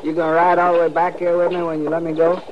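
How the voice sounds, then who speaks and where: An actor playing a plaintive Old West prisoner with a rustic, porch-sitter American Western drawl, in old-time radio style. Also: male voice, fairly high pitch, monotone, quick pace, close to an everyday voice. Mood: plaintive, protesting. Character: whining, protesting male prisoner, folksy Old West drawler. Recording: muffled, noisy old radio recording.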